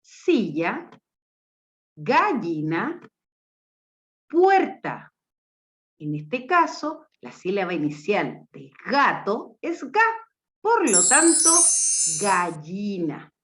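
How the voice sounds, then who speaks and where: A woman teacher giving a recorded phonics lesson to young children, slow and emphatic, her voice rising to cue and praise them. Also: fairly high pitch, wildly swooping pitch. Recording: dull lo-fi sound.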